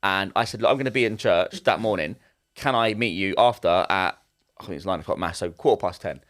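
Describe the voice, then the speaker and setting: Fast-talking young man. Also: sits low, a bit bright. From England. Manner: rambling anecdote with many restarts. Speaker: podcast co-host. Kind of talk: casual chat.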